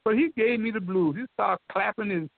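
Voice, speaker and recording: An older man telling an animated story in a folksy way, repeating himself and addressing the listener directly. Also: high voice, brisk, gravelly, no echo. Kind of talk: excited storytelling. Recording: dry, tinny phone line.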